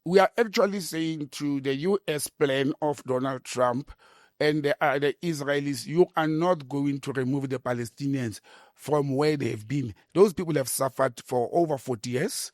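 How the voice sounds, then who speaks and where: A South African man talking politics on a talk show, emphatic and animated, often repeating words as he starts a point. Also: medium pitch, moderate pace, no room sound, studio quality. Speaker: political commentator.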